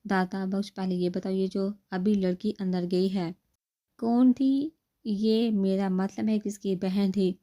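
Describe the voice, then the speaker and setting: A woman's voice: medium pitch, steady tone, mellow, lightly acted. A woman reading the lines of a confident, charming young man, the son of a landowner, in an audiobook novel, asking playful, teasing questions. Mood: curious.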